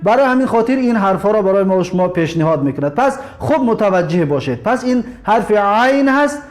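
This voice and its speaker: A man with a Tajik accent teaching an Arabic lesson on video, opening with formal religious greetings and repeating words slowly to drill pronunciation. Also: sits high, lively intonation.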